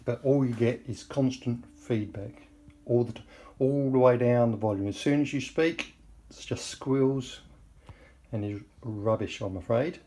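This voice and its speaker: Speaking slightly slowly in a dark, medium-pitched voice, a man gives a casual, no-frills review of a product he's clearly unhappy with. The setting is a small indoor room, and the far-off camera mic makes the audio roomy with a bit of faint noise.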